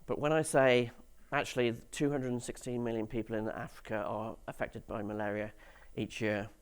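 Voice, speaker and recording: A man's voice: medium pitch, little pitch movement, moderate pace, smooth. A man giving a conference talk to developers, with dry, sarcastic humour and questions to the audience, on stage in a conference hall. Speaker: conference speaker.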